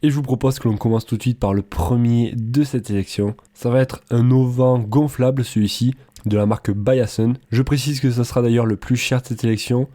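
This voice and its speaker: A man giving a casual product comparison voice-over in a chatty, relaxed way, with frequent hesitations. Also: mid-range voice, fairly quick. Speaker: product reviewer.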